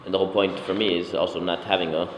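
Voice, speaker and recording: Relaxed low-voiced circus performer. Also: male voice, rapid-fire. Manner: relaxed, swears casually, many fillers. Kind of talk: casual interview talk. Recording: echoey hall, background noise.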